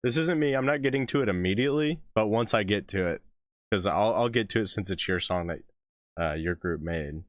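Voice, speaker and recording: A man with a lowish, brisk voice is hosting a music reaction livestream as his voice fades. Chatting casually with viewers, he rambles, interrupts himself, and laughs often between thoughts.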